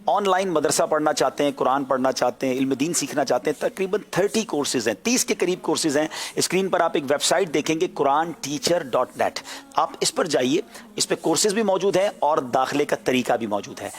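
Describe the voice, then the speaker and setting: A man's voice: on the high side, animated. Give me a polite male quiz host who talks straight to the viewers. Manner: polite, explains step by step, addresses viewers directly. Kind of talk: religious TV quiz hosting.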